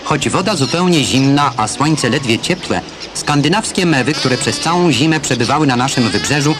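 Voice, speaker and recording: A man narrating a 1970s newsreel voice-over, crisp and declamatory commentary read over footage. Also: mid-range voice, expressive, normal speed. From Poland. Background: loud film score music.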